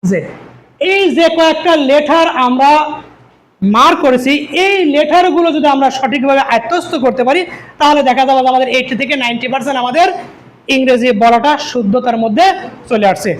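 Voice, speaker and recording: High-voiced woman teaching pronunciation. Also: fairly quick, rough recording. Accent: Bangladeshi. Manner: asks and answers her own questions. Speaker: English teacher. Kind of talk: explanatory lesson.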